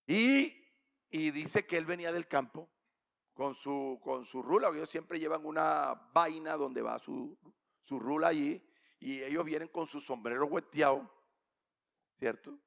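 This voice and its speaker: A man's voice: a little high, a little slow, vocal fry. A man, a pastor, telling a story in a sermon in a conversational way, often checking with his listeners. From Colombia. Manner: conversational, many checks like ¿cierto?. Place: church.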